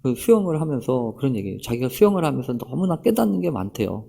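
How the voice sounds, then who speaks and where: A man's voice: mid-range voice, sing-song, fast talker, creaky, mellow, husky. A man preaching a sermon as pastor, speaking straight to the congregation with many rhetorical questions.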